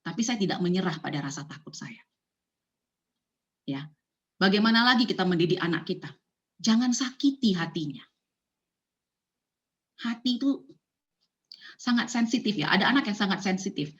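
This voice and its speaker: A woman's voice: mid-range voice, lively intonation, moderate pace, pauses often, dull audio. Woman preaching in a conversational way. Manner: conversational, mixes English phrases, many fillers and rhetorical questions. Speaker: church speaker. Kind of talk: sermon on parenting.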